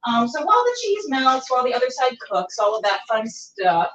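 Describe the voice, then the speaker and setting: A high-pitched woman whose voice swings widely in pitch talks a little fast and sounds a bit bright. She's a cooking show host on a live stream, cooking indoors and chatting playfully to the camera while rambling and talking to herself. The recording comes across as roomy, far off and dull, like camera audio.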